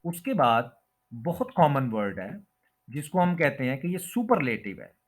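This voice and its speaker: A man teaching English word pronunciation, who repeats each word slowly and draws out the stressed syllable. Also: medium pitch, very animated. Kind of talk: pronunciation lesson explained in Hindi-Urdu.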